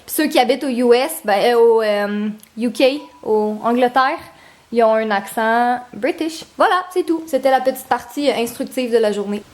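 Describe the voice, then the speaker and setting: Giggly high-voiced Québécois woman. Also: normal speed, darkish tone, slight background noise. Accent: Québécois French. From Quebec. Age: 20s. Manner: chatty, giggly, storytelling. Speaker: vlogger. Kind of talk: casual vlog chat.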